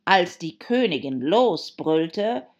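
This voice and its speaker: A woman's voice: on the low side, sing-song, highs cut off, exaggerated voice. A woman playing a gloomy, quarrelsome hatter. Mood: mournful. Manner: slow, emphatic, sighing. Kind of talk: audiobook character voice.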